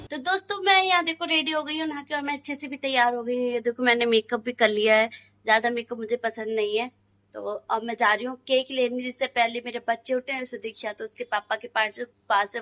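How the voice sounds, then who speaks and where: A woman's voice: on the high side, a bit bright, poor audio. A young woman vlogger and mother from North India, chatting casually to her viewers as she narrates her day at home. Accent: North Indian Hindi. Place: home rooms, then street and a shop.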